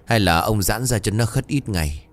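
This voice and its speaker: A man's voice: lowish voice, expressive, normal speed, close to an everyday voice. A man voicing a distraught middle-aged wife of a rich village landlord, wailing and pleading shrilly.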